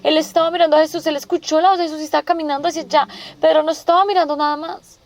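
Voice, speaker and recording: This woman preaches rapid-fire in a notably high voice that barely moves in pitch. Her sermon is full of rhetorical questions aimed at the congregation, and she goes over each point several times before continuing.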